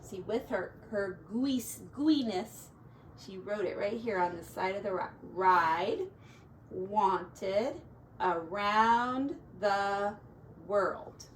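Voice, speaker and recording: Reading a rhyming children's picture book aloud, a woman teacher speaks extremely slowly in a medium-pitched voice. She performs theatrically, drawing out key words and tossing in little asides. The distant mic picks up roomy echo and faint noise.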